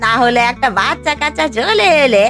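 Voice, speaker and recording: A woman plays a bragging young village wife in a storybook cartoon, her voice high and bouncing all over. Her talk is lively and pushy. Music plays clearly underneath. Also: fairly quick, exaggerated voice. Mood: persuasive. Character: boastful young village wife showing off gold. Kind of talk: cartoon voice acting. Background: background music.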